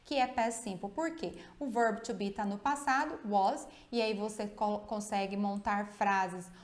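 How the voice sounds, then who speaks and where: A woman's voice: medium pitch, measured pace, roomy sound. A Brazilian woman teaching English grammar in a video lesson, explaining step by step and often checking in with tag questions. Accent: Brazilian Portuguese.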